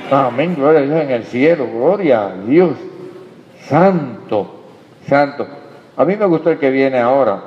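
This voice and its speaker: A man preaching a sermon with emphatic swings between loud and quiet. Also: medium pitch. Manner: emphatic preaching, rises and drops in loudness. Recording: dull sound in a reverberant hall.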